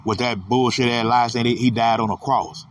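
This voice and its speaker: A man's voice: medium pitch, fairly even intonation, moderate pace. A man in his thirties giving a rambling, repetitive, profane motivational monologue as a podcast host. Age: 30s. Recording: distant mic with loud vehicle noise.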